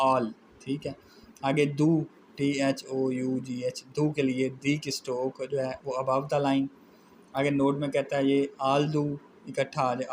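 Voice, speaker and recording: A man's voice: medium pitch, a little mellow, slight background noise, poor audio. A man with a Pakistani Urdu accent giving a methodical shorthand lesson, spelling out letters one at a time. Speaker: shorthand teacher. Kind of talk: classroom lecture explaining shorthand strokes.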